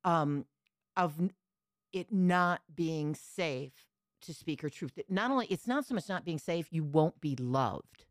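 A woman's voice: low-pitched, animated, unhurried, no echo, studio quality. A woman astrologer and host explaining a chart in a frank, digressive way, often correcting herself. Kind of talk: conversational explanation.

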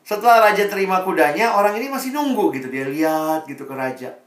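A preacher giving a sermon in a lively, conversational storytelling manner. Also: medium pitch, fast talker. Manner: conversational, animated storytelling, varied pace. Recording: echoey room, voice far from mic.

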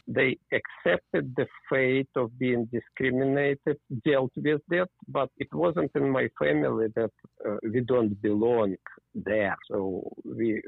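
Guest: middle-aged man from the former Soviet Union, Russian native, gravelly voice, tinny phone line, reflective and unhurried. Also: mid-range voice, no echo. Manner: reflective, with slightly non-native grammar and chuckles. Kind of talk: interview conversation.

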